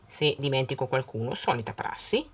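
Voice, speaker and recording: Low-voiced woman chatting while unboxing. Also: lively intonation, a little fast, husky. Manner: chatty, reading out long lists of greetings. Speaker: planner-decorating vlogger. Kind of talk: casual chat while unboxing.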